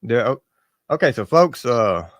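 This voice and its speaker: A man's voice: mid-range voice, very animated, measured pace, no echo. A man co-hosting a casual livestream, talking in a laid-back, drawling way. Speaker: livestream co-host. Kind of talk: casual chat.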